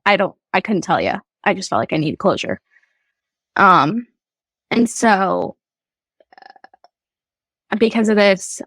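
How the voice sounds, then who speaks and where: A woman recounts her own faith journey as a podcast guest. She talks slowly, with a gravelly edge. She is earnest and halting, and her voice sounds dry and close to the mic. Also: mid-range voice, fairly bright tone, dry recording, low-quality recording. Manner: halting, earnest, many fillers and restarts. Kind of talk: personal faith testimony, casual storytelling.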